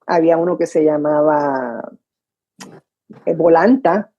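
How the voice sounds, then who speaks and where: An older woman with a Puerto Rican accent, a radio announcer recalling her career in an interview from home, lively and acting out old conversations. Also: low voice, slow pace, gravelly, muffled recording. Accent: Puerto Rican Spanish. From Puerto Rico. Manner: animated storyteller, acts out her own past dialogue. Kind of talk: storytelling interview. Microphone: video call from home.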